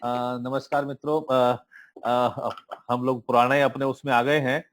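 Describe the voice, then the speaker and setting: A man speaking on an online meeting call, pitching a business plan in a motivational tone with many hesitant fillers. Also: little pitch movement, unhurried. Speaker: presenter of crypto network plan. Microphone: online call audio.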